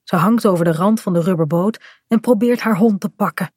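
A woman narrating a children's storybook in a clear, even storytelling manner. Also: medium pitch, brisk, dry recording, studio quality.

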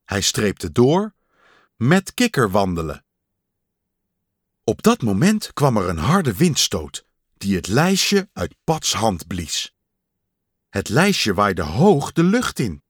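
A man reading a children's story aloud in a slow, expressive storybook manner. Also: on the low side, husky, no echo, clean studio sound.

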